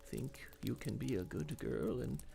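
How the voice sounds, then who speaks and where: An actor playing a very old grandfather in a video game, with a creaky aged voice, telling a story slowly, haltingly, gentle but grave. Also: mid-range voice, huge pitch swings, soft background music, full character voice. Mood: gentle, hesitant.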